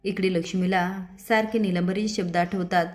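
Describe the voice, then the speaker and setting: A woman's voice: lowish voice, fairly even intonation, moderate pace, a little mellow. A woman retelling a TV serial episode, reading every character's lines in her own plain voice. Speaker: serial recap narrator.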